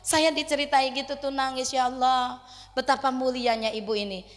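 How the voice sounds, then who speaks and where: A woman preacher with an East Javanese accent from Surabaya, giving an expressive religious lecture to women, telling stories and slipping into Javanese with frequent exclamations. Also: high voice, normal speed, in a large hall. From Surabaya, East Java.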